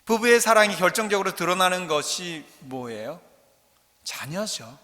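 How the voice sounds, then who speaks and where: Priest preaching with bright church echo. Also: male voice, sits high, sing-song, moderate pace. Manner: conversational, joking, asks the congregation questions. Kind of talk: sermon. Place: large church. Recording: church hall reverb.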